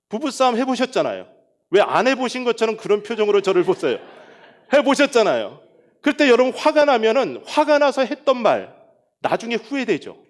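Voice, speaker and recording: A middle-aged man who is a guest pastor, preaching a revival sermon in a humorous, animated way and raising his voice for emphasis. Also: sits high.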